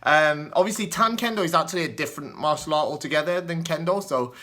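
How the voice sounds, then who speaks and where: A young man from northwest England with a mild northern accent blending Lancashire and Yorkshire speaks in a bright, forward, slightly high voice. Hosting a kendo channel, he rambles through a casual, off-the-cuff Q&A of viewer questions, hesitant and full of ums and uhs, often chuckling lightly at himself.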